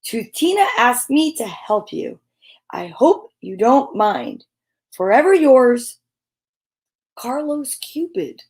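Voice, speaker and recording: Lady doing courtly storybook cupid guy, slow and grand, formal, high voice. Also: sing-song, darkish tone, heavily acted. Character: courtly male cupid writing a flowery letter.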